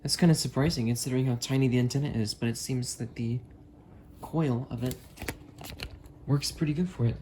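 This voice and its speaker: A man with a mid-range, slightly mellow voice reviews weather radios on video, talking briskly but pausing often. An enthusiastic radio hobbyist, he rambles casually to camera while chatting with friends, in a noisy amateur recording with storm sounds.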